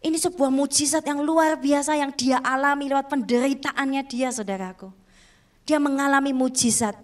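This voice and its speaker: A woman's voice: high-pitched, fairly even intonation, moderate pace. A woman preacher with an Indonesian accent, telling a testimony in an emotional sermon and often calling out to her listeners. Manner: emotional storytelling, often addressing listeners as "saudaraku".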